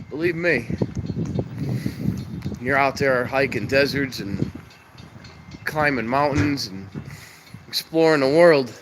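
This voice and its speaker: Outside at a railroad crossing, a congested-sounding man vlogs about train spotting in a casual live stream, rambling along in a chatty, relaxed manner. His mid-range voice has lively intonation but moves extremely slowly with long pauses. The audio is poor, with his handheld camera mic picking up wind noise, loud traffic, and outdoor noise.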